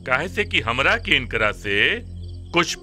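A slow, stern Bhojpuri grandfather. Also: medium pitch, sing-song, bright, forceful tone, heavily acted. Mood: pleased. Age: older. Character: elderly grandfather, stern then pleased patriarch. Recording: film soundtrack with background music.

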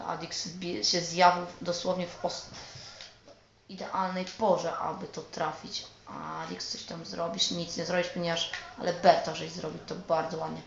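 A man commentating his own football video game match, excitable and swearing often at the game. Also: on the high side, gravelly. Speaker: gamer. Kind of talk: let's play commentary. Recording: roomy, dull lo-fi recording with faint noise.

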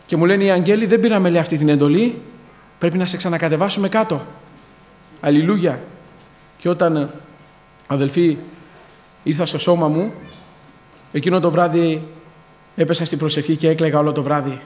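Fervent high-voiced man in an echoing hall. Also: long pauses, darkish tone. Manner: fervent, punctuated with hallelujahs and addresses to the brethren. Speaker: church member giving testimony. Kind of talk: testimony in church. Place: church hall. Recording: long hall reverb.

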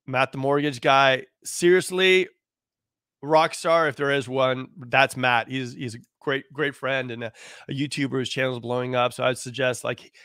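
A hoarse man, a real estate agent, talking casually on a live stream in a rambling way full of fillers. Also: medium pitch, steady tone, moderate pace, a bit bright, no echo, clean studio sound. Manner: rambling, full of "you know" and "like".

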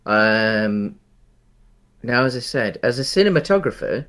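This thirty-something podcast co-host has a medium-pitched, animated, fairly bright voice and an unhurried delivery. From a small home room, he chats on a headset over a video call about a film in a casual discussion full of hesitant ums and restarts.

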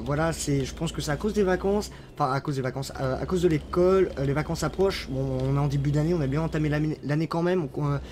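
A man's voice: a little high, a little mellow, slight background noise. A man giving casual, rambling gameplay commentary, full of fillers and playful asides. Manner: chatty, rambling, many fillers and restarts. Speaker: gaming YouTuber.

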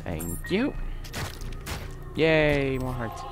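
A man's voice: mid-range voice, big pitch swings, extremely slow. A young man giving casual, self-mocking let's play commentary, swearing now and then at the game. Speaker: gaming channel host. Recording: game music loud behind the voice. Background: game music.

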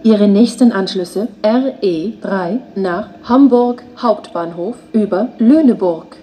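Slow, flat female platform announcer. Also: mid-range voice, faint music behind, low-quality recording. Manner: flat, measured, segmented delivery. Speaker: station announcer.

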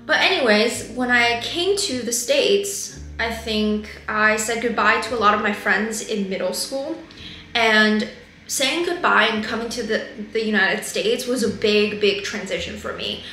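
Soft music plays in an echoey bedroom or home office as a woman from China in her twenties, a native Chinese speaker, talks thoughtfully and openly about her life on camera. She speaks at a measured pace in a fairly high, pushed, bright voice, gesturing often.

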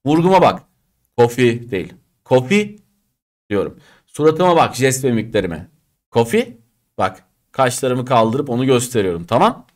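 A man's voice: medium pitch, brisk. A man teaching an online English class, chatty and direct, acting out quoted speech and regional ways of talking. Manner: lively, chatty, direct, addresses students as friends; acts out quoted speech and regional Turkish dialects.

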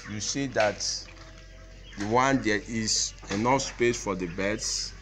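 A young man teaching on site in a poultry shed, explaining step by step, filmed by a camera a few metres away. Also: on the low side. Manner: slow, deliberate, explaining step by step. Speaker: poultry farm instructor. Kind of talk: on-site instructional walkthrough. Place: large poultry shed with tin roof, indoors. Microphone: camera mic, filmed from a few metres. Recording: echoey shed with farm noise. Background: birds and farm ambience.

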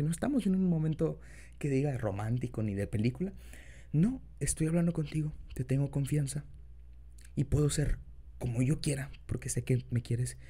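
A man's voice: a little high, warm tone. A young man with a Mexican Spanish accent, chatting casually and affectionately in a rambling, improvised boyfriend ASMR style. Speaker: ASMR boyfriend-audio creator.

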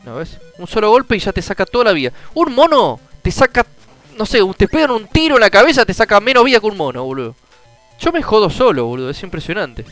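A young man with a Rioplatense Spanish accent giving casual commentary on a retro game, frustrated, swearing often and bursting into shouts. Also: high voice, sing-song, fast, soft background music, poor audio. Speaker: gameplay streamer.

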